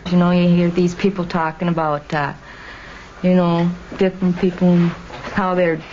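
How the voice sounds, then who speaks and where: A young woman with a slightly low voice speaks haltingly, filling pauses with "you know." Her tone is candid and personal. The recording is dull and lo-fi, with faint background noise. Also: flat delivery, darkish tone. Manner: halting, with many fillers. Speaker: former student. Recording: dull lo-fi documentary audio with faint room noise.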